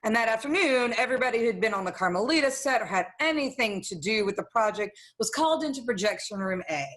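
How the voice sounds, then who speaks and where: A woman's slightly high voice, animated and quick, a bit bright, tells a 1940s radio noir story confessionally. She plays a secretive young studio employee who is secretly complicit in murder, and the mood is tense and confiding.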